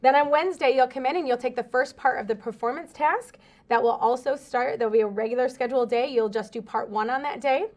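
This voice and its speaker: A woman's voice: high-pitched, fast. A woman giving an informal school announcement, explaining things step by step and addressing students directly.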